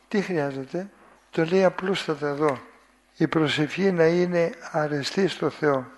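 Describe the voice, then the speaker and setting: Male preacher, slightly high voice with a gravelly edge, unhurried sermon delivery, rhetorical questions to the congregation. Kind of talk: sermon reading and commenting on a spiritual text.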